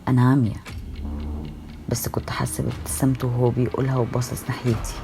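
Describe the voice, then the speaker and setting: A woman's voice: very deep voice, warm tone, a little hiss or hum. A woman with an Egyptian accent narrating a horror story in the first person, intense and emotional. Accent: Egyptian Arabic. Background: faint music.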